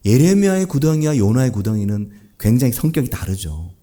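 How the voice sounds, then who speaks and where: During a Sunday sermon, a pastor poses rhetorical questions, moving between hushed, low asides and raised, emphatic lines. His delivery is brisk, with big swings in pitch.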